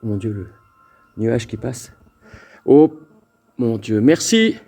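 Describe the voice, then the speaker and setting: A man with a mellow, dark voice and a mid-range pitch walks alone through an abandoned mountain fort, calling out to spirits. He stammers and repeats himself as excitement takes over. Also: takes it slowly, vocal fry, breathy edge. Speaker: paranormal investigator. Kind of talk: ghost-hunting vlog narration.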